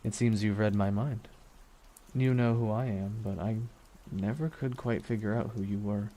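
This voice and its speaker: Rain patters on a surface throughout as a man plays a brooding villain reflecting next to his dying superhero nemesis in an intimate ASMR roleplay, wistful yet menacing. His voice is on the low side and steady, lightly acted, slow and deliberate with long pauses. The mood feels reflective and somber.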